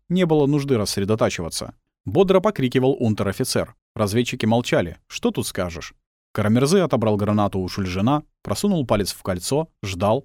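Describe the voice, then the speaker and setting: A man's voice: mid-range voice, darkish tone, dry recording, clean studio sound. A man reading a war novel aloud as scripted audiobook narration.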